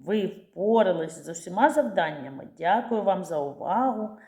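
A woman teacher giving an early-years literacy lesson, stressing each word slowly in a sing-song way for small children. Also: on the low side, animated, darkish tone. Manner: slow, sing-song emphasis on words for children. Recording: echoey room.

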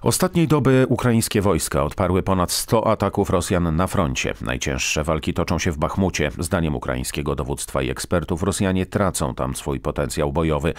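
A man's voice: extremely low pitch, no echo. A man reading a formal radio news bulletin in a studio. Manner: steady, formal newsreading.

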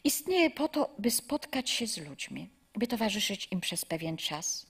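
A woman's voice: medium pitch, big pitch swings, unhurried, slightly rough, heavily acted. Sadness as a lonely gloomy man, read by a woman. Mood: plaintive. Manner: plaintive, complaining.

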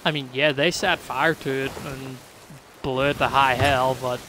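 A man's voice: mid-range voice, fairly even intonation, a little slow, pushed and bright. A man streaming a game live, talking casually to his viewers and thinking aloud as things happen. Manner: chatty, thinks aloud, reacts to surprises. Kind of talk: live gameplay commentary. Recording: game sounds of ocean and ship noise behind.

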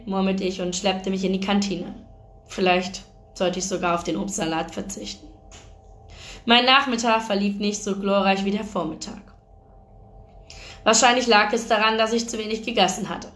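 A woman reads a first-person novel aloud in a calm, measured storytelling voice. Her pitch sits in the middle of the range. The recording has a noticeable roomy echo. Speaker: audiobook reader.

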